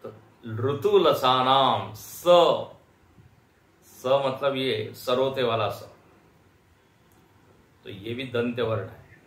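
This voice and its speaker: A man teaches a lecture class at a slow, unhurried pace. He explains patiently and sounds out each syllable one by one. His voice rings in an echoey lecture hall. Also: medium pitch, a bit bright. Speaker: Vedanta teacher.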